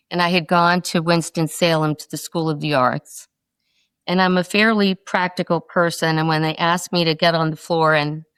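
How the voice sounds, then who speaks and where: A middle-aged woman from North Carolina, a podcast guest, answers interview questions with quick, expressive stories. Her voice sits low with a clean tone and no echo.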